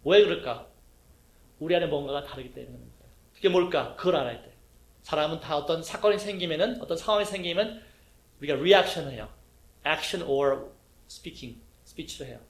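Korean-speaking pastor preaching in an echoey hall. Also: male voice, on the high side, moderate pace, vocal fry. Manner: lively preaching with acted-out quotes and questions to the congregation. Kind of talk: sermon teaching.

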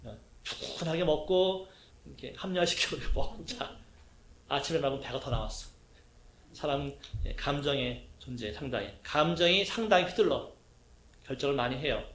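A middle-aged man preaching a sermon as a pastor, asking his congregation questions and acting out quotes in a lively way. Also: on the high side, normal speed, reverberant. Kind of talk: sermon teaching.

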